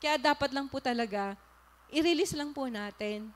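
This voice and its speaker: A woman pastor from the Philippines giving an animated sermon, telling a story and putting questions to the congregation. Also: high voice, normal speed. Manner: animated, rhetorical questions to the audience, polite and earnest.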